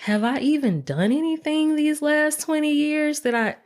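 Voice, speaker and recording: A woman's voice: high-pitched, animated, moderate pace, a crowd in the background. A woman in her thirties, a podcast guest, reflectively telling her own story and quoting her past thoughts. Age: 30s. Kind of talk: conversational interview.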